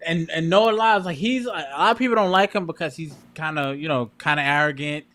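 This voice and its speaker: Laid-back young man, slightly high voice. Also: fairly quick, a bit bright. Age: young adult. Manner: laid-back, agreeable, says "like" a lot. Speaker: podcast co-host, son. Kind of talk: casual chat.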